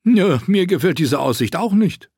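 A man voicing a sly, sharp-tongued male dwarf slave who switches between mocking orders and servile pleading, in an audiobook. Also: sits high, animated, moderate pace, husky, no room sound, studio quality, voice pushed up, exaggerated voice. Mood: wry. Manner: alternates sarcastic orders with servile begging.

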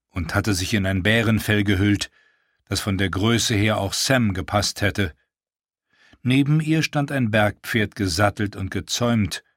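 A man calmly reading an audiobook as a narrator. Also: on the low side, dry recording, clean studio sound. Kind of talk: scripted narration.

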